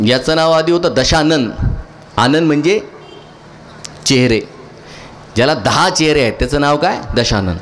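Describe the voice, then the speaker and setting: A man's voice: fairly high pitch, a little hiss or hum. A man speaking to a live audience, often asking a question and answering it himself. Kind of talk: lecture to an audience.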